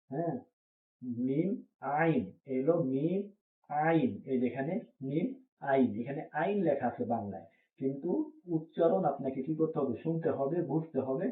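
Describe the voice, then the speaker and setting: A patient male teacher walks through letter names one at a time, repeating each pair and pausing to check understanding. The sound is thin and phone-like, with a hollow, echoey ring around the voice. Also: medium pitch. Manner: repeats each letter name slowly, asks checking questions. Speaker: Quran reading teacher. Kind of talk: patient step-by-step letter drill.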